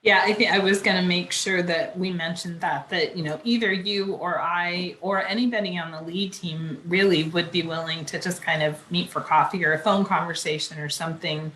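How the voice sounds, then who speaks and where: Lady pastor chatting, lowish voice, kinda echoey church room. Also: a little hiss or hum. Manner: steady, explanatory church announcements. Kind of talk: casual chat.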